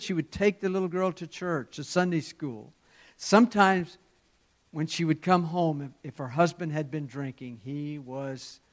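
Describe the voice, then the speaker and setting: A man preaching, telling a story in a sermon with swells and drops in loudness and halting repeats. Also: fairly high pitch.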